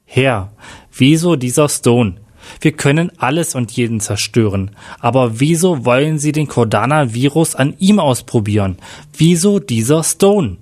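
A man's voice: medium pitch, lively intonation, unhurried, a little mellow. A man voicing an annoyed young female henchwoman questioning her boss. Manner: irritated, questioning.

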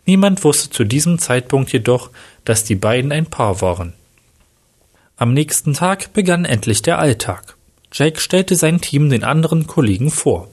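A man reading a crime story aloud in an even, steady storytelling voice. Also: medium pitch. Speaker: narrator.

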